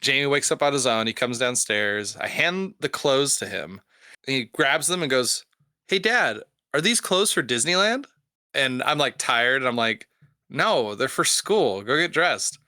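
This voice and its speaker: Bright-voiced man telling stories. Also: medium pitch, lively intonation, clean tone, no room sound, clean studio sound. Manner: storytelling, quick laughs. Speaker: podcast co-host. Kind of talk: casual chat.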